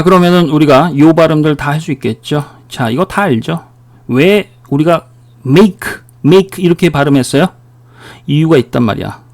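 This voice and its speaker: A man giving a recorded English pronunciation lecture, drilling words and asking the listener questions as he goes. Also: on the high side. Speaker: English teacher.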